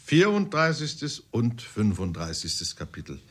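A man reading a classic novel aloud in measured storytelling narration, with occasional fillers. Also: mid-range voice, wildly swooping pitch, breathy edge. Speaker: audiobook narrator. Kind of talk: literary audiobook narration.

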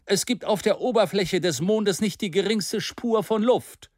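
A man's voice: high voice, unhurried, dry recording, clean studio sound, pitched above the performer's own voice. Man voicing a stern, grave skeptic. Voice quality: strong, grave voice. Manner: clear, firm, challenging. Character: gaunt, stern male skeptic, cool and challenging.

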